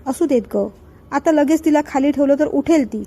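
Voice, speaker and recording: A woman reading the lines of a gentle, doting young father in a storybook reading. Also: sits high, moderate pace, lightly acted. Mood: tender. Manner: soft coaxing tone.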